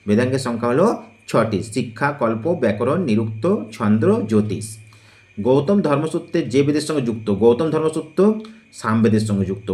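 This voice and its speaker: Slow deliberate man teaching exam prep. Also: mid-range voice, a little mellow. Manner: slow, deliberate, drawn-out listing of options. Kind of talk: exam-prep lesson, reading quiz questions and options.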